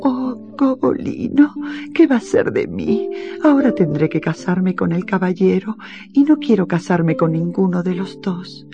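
A storyteller voicing a young lovesick lady trapped in a tower, speaking in a high, pleading, tearful tone. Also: sing-song, measured pace, lo-fi sound, music in the background. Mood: distressed.

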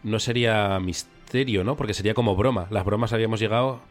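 Podcast guy, lowish voice, acts out bits in his stories, faint music underneath. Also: fast talker. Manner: animated storyteller, acts out voices. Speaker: podcast co-host. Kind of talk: casual chat.

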